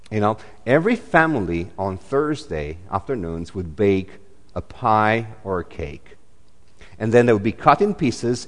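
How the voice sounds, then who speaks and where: In a church, a man from Romania, aged in his forties, delivers a chatty sermon full of fillers and false starts. His lowish voice carries a big-room sound.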